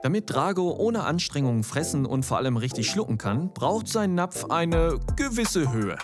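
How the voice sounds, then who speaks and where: A man reading scripted TV voice-over narration in a smooth, explanatory way. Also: a little high, big pitch swings, moderate pace, over music.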